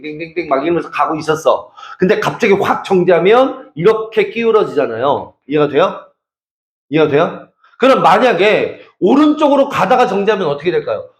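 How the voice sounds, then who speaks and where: Brief: middle-aged male academy teacher, high voice, playful teasing lecture, roomy classroom. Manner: teasing, checks for understanding constantly. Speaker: math and science academy teacher.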